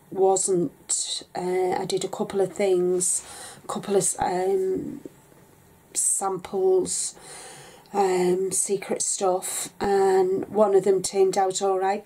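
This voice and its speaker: Sitting in her craft room at home, this woman talks casually to a desk webcam, rambling and filling gaps with lots of ums. Her medium-pitched voice has a dark tone and a breathy edge, thickened by a cold that keeps her coughing. The audio quality is poor, and she's a craft vlogger chatting to camera.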